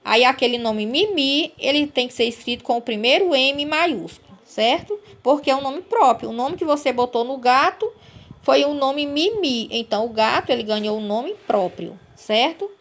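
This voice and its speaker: A woman's voice: sits high, animated, normal speed. A woman teacher giving a recorded lesson to young pupils, explaining step by step and checking in with "right?" as she goes. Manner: patient, explains step by step, asks "certo?" and "né?" to check.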